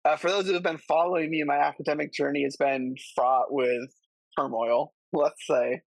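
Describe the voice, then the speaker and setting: A young woman in graduate school co-hosting a podcast, chatting in a slow, relaxed way. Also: low-pitched, creaky, no echo. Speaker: podcast co-host. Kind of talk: casual podcast chat.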